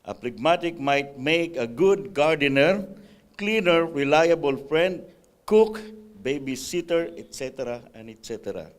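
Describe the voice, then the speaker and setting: A man's voice: on the high side, animated, measured pace. A man speaking at a church class, reading from a text and breaking off with casual comments and "right?" checks to the group. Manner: reads a text aloud, adding spontaneous comments and checks like "right?"; occasional hesitations and restarts. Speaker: Sabbath school speaker.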